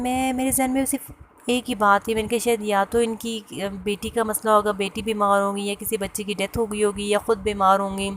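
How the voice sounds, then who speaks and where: A woman tells a personal story in a casual, hesitant way, pausing often with fillers and restarts. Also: mid-range voice, a little hiss or hum. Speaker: vlogger sharing a personal story.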